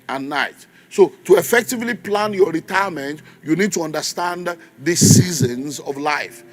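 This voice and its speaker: This is a Nigerian-accented man in his fifties delivering a church sermon, his voice a little high. He leans on key phrases, repeats them, and draws the congregation into call and response.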